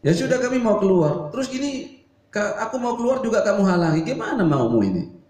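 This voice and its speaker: A shrill, indignant mother scolds and nags in a high voice, as a male preacher puts her on. The sound carries the echo of a roomy hall. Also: big pitch swings, fairly quick, a little mellow. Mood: indignant scolding. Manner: high-pitched, scolding and nagging.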